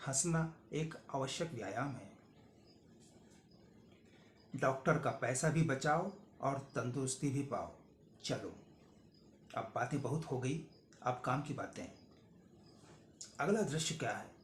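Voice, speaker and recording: A man narrating a first-person story in a slow, measured, homely way. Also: mid-range voice, expressive, a little hiss or hum. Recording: roomy echo.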